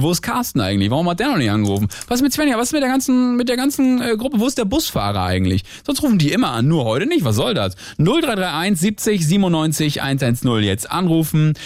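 A chatty, playful man hosts a late-evening call-in radio show, his voice lively and jumping around in pitch. He sits close to a studio mic, and the sound is dry with no room echo. He teases his callers in a relaxed, joking way. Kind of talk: casual call-in radio chat.

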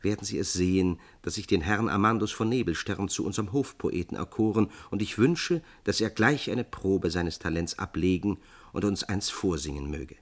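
A man voicing a small, spiteful male gnome king in an audiobook tale, shrill and scolding. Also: normal speed. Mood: sugary. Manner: shrill, shouting.

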